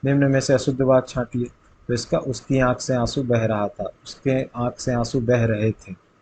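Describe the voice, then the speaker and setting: A man's voice: medium pitch, flat delivery, moderate pace, darkish tone, a little hiss or hum, poor audio. A man tutoring for exams, reading multiple-choice grammar questions aloud and then stating which answer is correct. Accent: Hindi, north India. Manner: reads options, then states the answer. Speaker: exam tutor.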